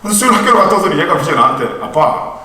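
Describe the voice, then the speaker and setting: A man's voice: sits high, big pitch swings, rapid-fire, bright, forceful tone. A man in his thirties who ministers to young adults, giving a conversational sermon and telling family stories with light humor in a church hall. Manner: chatty storytelling with light humor. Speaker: youth ministry evangelist. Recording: echoey church hall from far off.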